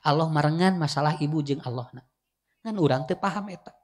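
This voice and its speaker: A man with a Sundanese accent preaching a humorous Islamic sermon, swinging between loud, high emphasis and quiet asides, often chuckling. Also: fairly quick.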